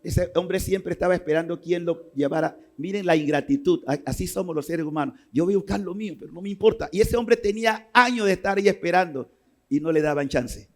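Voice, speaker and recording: Man, priest, sermon, high voice, impassioned, shouts at peaks. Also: fairly quick. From Panama. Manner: impassioned, rising to shouts and dropping low.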